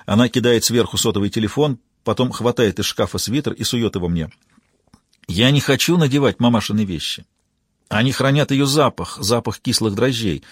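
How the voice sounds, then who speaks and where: Husky guy reading a novel out loud, steady and even, mid pitch. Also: normal speed, no room sound, studio quality. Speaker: audiobook narrator. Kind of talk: scripted narration.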